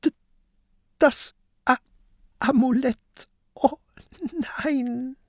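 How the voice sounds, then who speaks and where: A reader voicing an excitable young boy who stammers and cries out, in a children's audiobook. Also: extremely slow, dry recording, studio quality, exaggerated voice. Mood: despairing. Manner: stammering, shrill. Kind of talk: audiobook narration.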